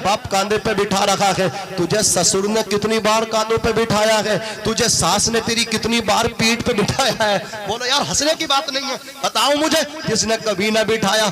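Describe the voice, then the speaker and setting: A man preaching an impassioned sermon at a large gathering, shouting out lines and pressing the crowd to answer him. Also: high voice, fairly even intonation, few pauses, low-quality recording. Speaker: Islamic preacher. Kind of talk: fiery sermon with call-and-response. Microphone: handheld mic. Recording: crowd heard throughout.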